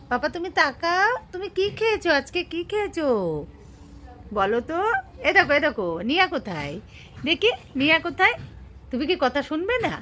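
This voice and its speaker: A woman's voice: high-pitched, pushed and bright, slight background noise. A woman filming her pet dog at home on a phone, talking to it in coaxing, repetitive baby talk. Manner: coaxing, sing-song, repeating herself. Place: home, indoors.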